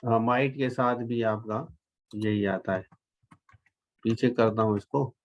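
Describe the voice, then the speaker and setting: Brief: older Pakistani man, English tutor on a live stream, unhurried, mid-pitched, repeats every point. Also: steady tone, muffled recording. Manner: explains slowly, repeats phrases, stretches English example sentences; switches between Urdu-Hindi and English. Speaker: English teacher. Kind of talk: live online class. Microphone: computer microphone.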